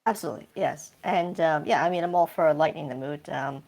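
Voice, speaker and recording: A man speaking through a voice changer that pitches his voice deep, answering interview questions casually and hesitantly with many fillers. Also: a little fast, creaky, a little mellow. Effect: voice changer, pitch shifted deep. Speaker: project developer guest.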